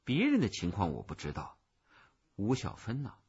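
A man narrating a children's story aloud in an animated, expressive way, on a muffled lo-fi recording. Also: normal speed, husky. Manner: animated, expressive storytelling with big pitch swings.

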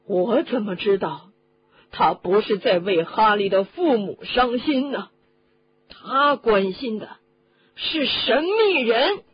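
A woman doing a loud, emotional giant gamekeeper. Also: medium pitch, slow pace, husky. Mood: indignant. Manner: loud, heated, choking up. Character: huge gruff male gamekeeper, emotional and loud. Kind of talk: audiobook reading. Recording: dull lo-fi recording with faint hum.

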